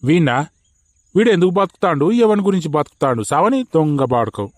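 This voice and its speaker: A man's voice: fairly high pitch, expressive, noisy background, lightly acted. A man with a Telangana Telugu accent playing an angry village father who rants bitterly about his son. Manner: fast, bitter ranting.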